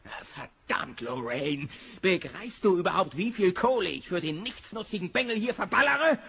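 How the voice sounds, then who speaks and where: Biff, a gravelly sneering bully. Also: male voice, sits high, lively intonation, normal speed, pushed and bright, full character voice. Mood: sneering, menacing. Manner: sneering, menacing, mocking. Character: brutish bullying rich husband, middle-aged man. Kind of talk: audio drama acting.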